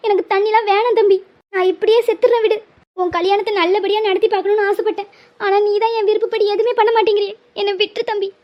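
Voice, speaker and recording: A woman's voice: very high voice, fast. A woman voicing a stubborn, emotional middle-aged cartoon mother who pleads and guilt-trips. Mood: tearful demanding. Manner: pleading, melodramatic, guilt-tripping. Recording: muffled lo-fi audio.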